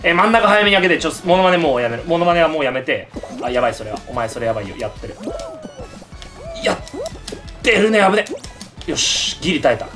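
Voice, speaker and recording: A man hosting excited game commentary, yelling at his teammates and the game. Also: on the high side, fast talker, pauses often, music in the background. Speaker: gaming channel host.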